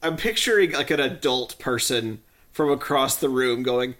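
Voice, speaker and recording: A man co-hosting a podcast, chatting casually about a TV episode, halting and giggly. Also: mid-range voice, animated, fairly bright tone. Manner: giggly, halting, often acting out silly voices. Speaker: podcast co-host.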